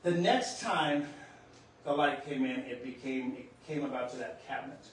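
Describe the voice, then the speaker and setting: A spiritual storyteller with a mid-range voice speaks to camera about a personal experience, earnest and halting as he relives the moment. He's in a room of his home near the kitchen, and the sound is echoey with a distant mic and a faint hum.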